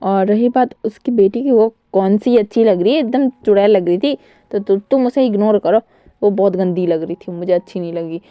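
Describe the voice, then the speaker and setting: A woman's voice: medium pitch, normal speed, no echo, muffled recording, lightly acted. A woman voicing a devoted young husband who repeats himself in a rush when he pleads. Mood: soothing.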